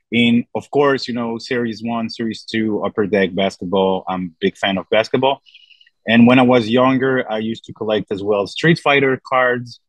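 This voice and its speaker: A man from Belgium with a Belgian French accent, chatting as a podcast guest, relaxed and rambling with many fillers. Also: fairly low pitch, no echo, rough recording. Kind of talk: casual interview chat.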